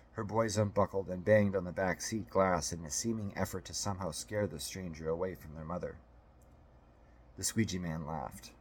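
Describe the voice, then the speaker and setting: Low-voiced man narrating a story. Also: husky. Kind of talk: audiobook narration.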